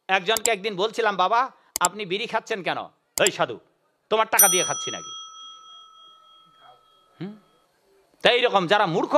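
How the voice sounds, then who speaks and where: Bright, high-pitched male preacher. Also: slight background noise. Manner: animated, acts out story voices. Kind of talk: devotional sermon with storytelling.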